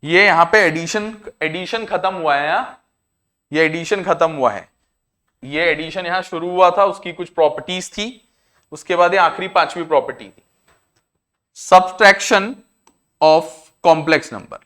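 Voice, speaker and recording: A man with an Indian accent teaching a maths class, explaining each step slowly and repeating himself. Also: on the high side, fairly bright tone. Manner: repetitive, explains step by step, often says "I said". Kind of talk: classroom lecture to students.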